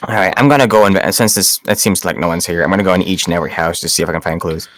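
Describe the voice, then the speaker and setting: A man's voice: sits low, racing, a bit bright. A man playing a tabletop game, plainly describing what his character does. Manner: matter-of-fact, describing his character's actions. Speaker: player. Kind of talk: tabletop role-play chat.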